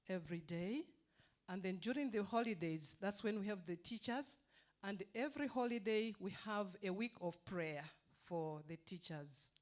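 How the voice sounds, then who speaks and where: A woman from Zambia with a Zambian English accent, a university founder, giving a measured report with many fillers at a convention. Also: medium pitch. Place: convention hall.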